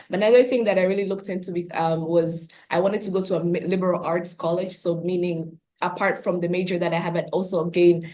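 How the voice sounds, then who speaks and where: A young woman answers panel questions on a video call. Her voice sits a little low, and her answers are earnest, with pauses to find her words. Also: darkish tone. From Tanzania. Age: young adult. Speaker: incoming college student panelist.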